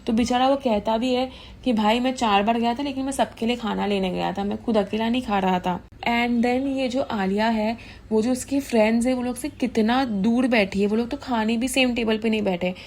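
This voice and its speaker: A woman's voice: a little high, fairly even intonation, normal speed, darkish tone. A young woman giving casual, indignant gossip commentary, switching freely into English. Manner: chatty, mixes English into Hindi, indignant gossip. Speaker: commentary vlogger.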